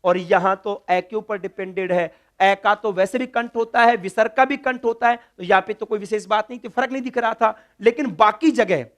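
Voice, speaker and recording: A man's voice: sits high, normal speed, hardly any pauses, a bit bright. A man teaching Sanskrit grammar in a classroom lecture, repeating key words and putting questions to the class that he then answers himself. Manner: asks students questions and answers them himself.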